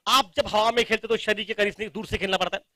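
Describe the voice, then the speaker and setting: An Indian man giving excited live cricket commentary as the commentator, with emphatic analytical asides to the listener. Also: sits high, fast talker, dry recording.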